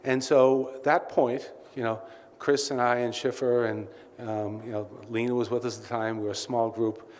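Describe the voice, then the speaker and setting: A man's voice: medium pitch, flat delivery, normal speed, darkish tone. A man giving a welcome speech as CEO at a client event, telling candid anecdotes with many asides. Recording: reverberant hall with faint ambient noise.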